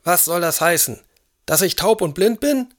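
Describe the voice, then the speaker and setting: Cranky old english lord, high pitched, bossy and huffy, audio drama. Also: male voice, animated, moderate pace. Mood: indignant. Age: older. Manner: gruff, demanding, indignant. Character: elderly, imperious, irritable English aristocrat.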